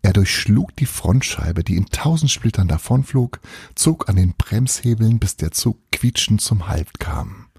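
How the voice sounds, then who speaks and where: A man narrating a novel as an audiobook in a measured, expressive storytelling manner. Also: lowish voice, vocal fry, husky, dry recording, studio quality.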